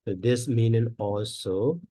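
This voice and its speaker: A man teaching Pali grammar in a slow lesson, counting syllables aloud one at a time with many pauses and fillers. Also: medium pitch, mellow, breathy edge, no echo.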